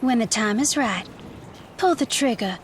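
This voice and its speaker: An actress playing a playful, mysterious all-seeing fortune teller in a video game, with a theatrical, coy, mystical manner. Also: female voice, fairly high pitch, lively intonation, a little slow, music in the background. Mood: ominous, playful. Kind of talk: video game character acting.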